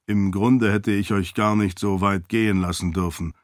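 A man's voice: fairly low pitch, fairly even intonation, normal speed, no echo, studio quality, lightly acted. A man voicing a dutiful floating light-spirit servant in an audiobook, stiff, formal and deferential. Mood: firm. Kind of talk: audiobook character voice.

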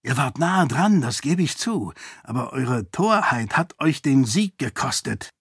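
A man voicing a small, fanatical male priest who speaks slowly and in a hushed, menacing way. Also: medium pitch, big pitch swings, slightly rough, dry recording, studio quality, full character voice. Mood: gloating, menacing.

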